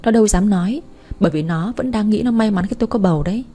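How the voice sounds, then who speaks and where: A woman's voice: medium pitch, quick pace, dark tone, lightly acted. A woman reading an audiobook, voicing a spiteful, hysterical young woman hurling bitter accusations.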